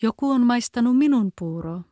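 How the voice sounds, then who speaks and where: Woman doing a soft mama bear, kven accent, dry close sound. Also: fairly high pitch, animated, no echo, voice pushed up, close to an everyday voice. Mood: puzzled. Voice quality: softer voice. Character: middle-sized mother bear, soft-spoken.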